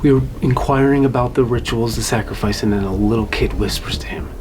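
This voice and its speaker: A man's voice: medium pitch, brisk, noisy background. A young man hosting a ghost-hunting vlog in an old haunted inn, questioning spirits intensely and repeating words back. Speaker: paranormal investigator host. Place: old haunted inn, dark rooms indoors. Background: eerie music.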